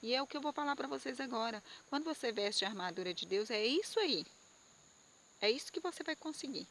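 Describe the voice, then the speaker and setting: A woman's voice: on the high side, animated, a little fast, a bit bright. Earnest woman preaching testimony. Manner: earnest and emotional, with frequent fillers and repetitions. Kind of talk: personal testimony sermon to viewers.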